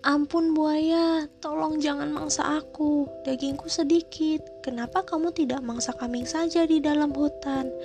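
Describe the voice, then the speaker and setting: Storybook duck, small, scared and tearfully pleading, high voice, acted by a woman, music underneath. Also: steady tone, unhurried. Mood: frightened pleading. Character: frightened little duck begging for its life.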